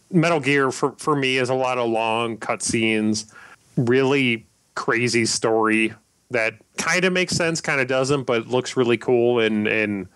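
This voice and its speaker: A man hosting a casual podcast chat, rambling and halting with lots of fillers and restarts. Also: mid-range voice, a bit bright, dry recording. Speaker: podcast host.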